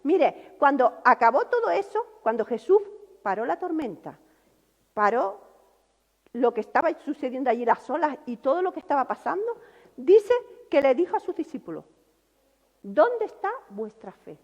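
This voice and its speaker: A woman pastor delivers an impassioned sermon in a high, very lively voice. She swings from loud outbursts to hushed lows. The sound is dull and lo-fi, with a long reverb from the hall. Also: moderate pace.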